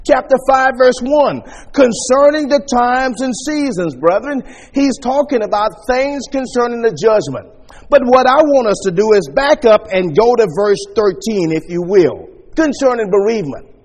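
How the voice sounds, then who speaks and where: A man preaching a sermon at a pulpit microphone, teaching in a measured way as he walks his listeners through scripture verses. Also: extremely high pitch, lively intonation, long reverb tail.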